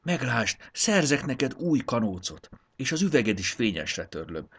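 A man voicing an earnest young boy, raising his voice high and loud, with a gravelly, husky edge. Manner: earnest, excited. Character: eager young boy hero.

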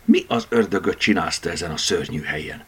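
A man voicing a proud, quick-tempered male tomcat in an audiobook, anxious in manner. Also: low voice, breathy edge.

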